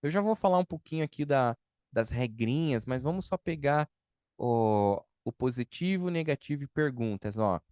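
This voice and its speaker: A man's voice: mid-range voice, animated, moderate pace, a little mellow, clean tone, no echo, studio quality. A man with a Brazilian Portuguese accent teaching English in an online class, patiently explaining and reading out students' chat questions.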